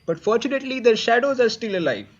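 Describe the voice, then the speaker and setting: High-voiced, playful male comedy host. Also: very animated, fast, lo-fi sound. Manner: playful, stumbling, upbeat. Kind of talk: comedy sketch hosting.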